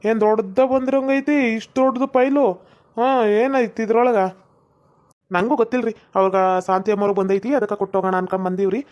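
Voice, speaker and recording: A woman's voice: fairly high pitch, steady tone, fast, darkish tone, close to an everyday voice. A woman playing a chatty, nosy male village postman in a comedy sketch. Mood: teasing. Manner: nosy, teasing banter. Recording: slightly dull lo-fi recording.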